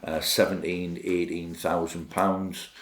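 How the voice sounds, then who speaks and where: A middle-aged man with a deep, low voice talks casually and enthusiastically, thinking out loud as he goes. He sounds like a dealer walking through his stock. The room around him is echoey and reverberant. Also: level tone, slow pace. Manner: chatty, musing aloud, enthusiastic. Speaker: vintage watch dealer. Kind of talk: casual show-and-tell talk to camera.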